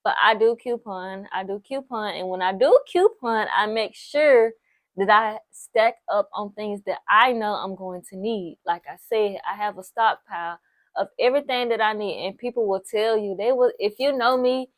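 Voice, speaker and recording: This young woman, nineteen, has a medium-pitched voice at a normal pace as she offers casual advice to camera, addressing viewers directly. Encouraging and chatty, she says "like" and "so, yes" a lot and repeats things for emphasis, in a dry, close-miked recording.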